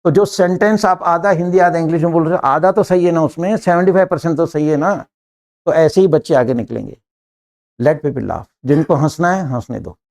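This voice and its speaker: Lively Indian man teaching English. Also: on the high side, gravelly. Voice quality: lively, mixing Hindi and English, slows down for English phrases. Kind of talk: classroom lecture. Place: classroom.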